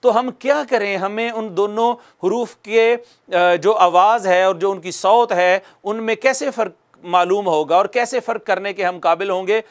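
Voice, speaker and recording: A man teaching Quran recitation in a recorded lecture, asking himself questions and answering them, repeating letter sounds slowly to demonstrate them. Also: high-pitched. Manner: drills by repeating and answering his own questions.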